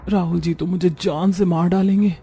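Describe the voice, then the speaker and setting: A woman's voice: on the low side, fairly even intonation, moderate pace, warm tone, slightly rough, faint music behind. A woman voicing a timid young bride in a cartoon story who speaks meekly and anxiously. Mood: fearful. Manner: meek, anxious.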